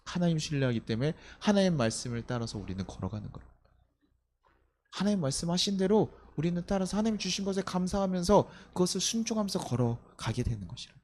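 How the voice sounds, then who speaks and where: A man's voice: high-pitched, fast talker. A man, a pastor, preaching a night-service sermon in a church, firing off rhetorical questions to the congregation. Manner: animated, many rhetorical questions, acts out quoted speech. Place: church sanctuary.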